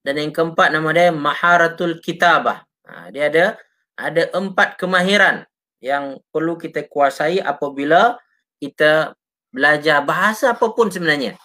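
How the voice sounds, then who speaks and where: A man's voice: fairly high pitch, moderate pace, sharp tone. A man with a Malaysian Malay accent, an Islamic teacher giving a casual live lesson, chatty and often turning to his listeners with short tags. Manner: reads out and answers viewer comments.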